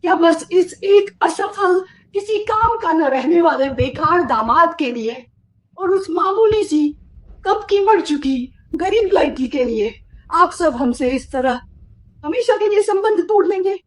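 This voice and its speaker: A woman voicing a haughty matriarch of a rich family who speaks fast and indignantly in a dubbed drama. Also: very high voice, expressive. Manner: indignant, rapid.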